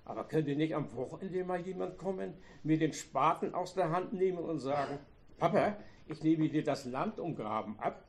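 A man voicing a retired old farmer who complains loudly and sarcastically about his grown children. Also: on the high side, expressive, normal speed. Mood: bitter. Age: older. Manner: loud, reproachful, sarcastic.

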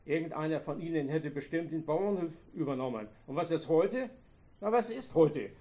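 A man's voice: a little high, fairly quick, lightly acted. A man reading as a bitter old farmer. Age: older. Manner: loud, reproachful, sarcastic.

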